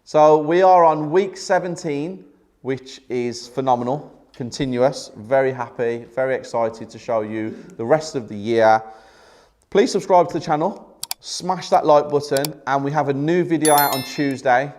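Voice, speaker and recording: A man's voice: medium pitch, normal speed, a little mellow. Young uk guy vlogging from his office, upbeat and direct, chatty with viewers. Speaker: property developer and vlog host. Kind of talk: casual vlog to camera. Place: office headquarters, indoors.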